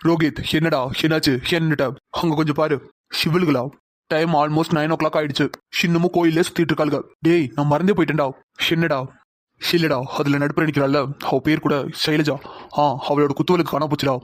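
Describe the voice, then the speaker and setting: A man's voice: a little high, flat delivery, fairly quick, no echo, lightly acted. A man voicing a cocky, teasing young man in a cartoon. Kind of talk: cartoon voice acting.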